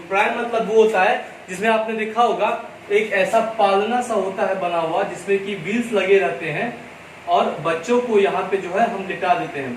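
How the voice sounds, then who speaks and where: An Indian male teacher with a high voice gives a classroom lesson, explaining slowly and repetitively while switching between Hindi and English. The room is echoey, the mic sits far away, and faint ambient noise can be heard.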